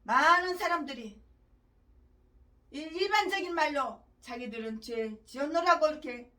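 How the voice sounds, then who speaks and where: Shrill ranting woman preacher. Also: expressive, a little slow, distant mic. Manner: ranting, abrupt swings between shouting and muttering. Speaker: pastor. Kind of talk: sermon.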